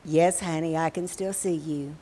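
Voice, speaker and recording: A gentle father speaks low and quiet, calming his frightened child with slow, reassuring words. A woman puts him on as she tells the story. His tone stays patient and tender. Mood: soothing. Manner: soft, slow and soothing. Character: gentle, comforting father of a little girl.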